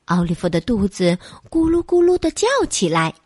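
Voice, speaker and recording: Gentle woman telling a bedtime story. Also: lowish voice, big pitch swings, normal speed, breathy edge, no room sound, clean studio sound. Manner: soft, coaxing, addresses listener as baby.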